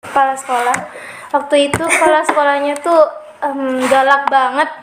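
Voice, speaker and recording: A woman's voice: high-pitched, fairly even intonation, moderate pace. A young woman guest giving brief, plain answers in a casual chat. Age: young adult. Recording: echoey room with noise.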